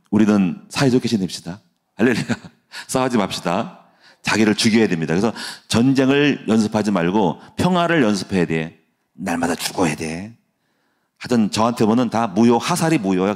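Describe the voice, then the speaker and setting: A man's voice: fairly low pitch, expressive, normal speed. A middle-aged male pastor giving a chatty, folksy sermon that builds into a fervent prayer. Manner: folksy, chatty preaching with laughs and asides.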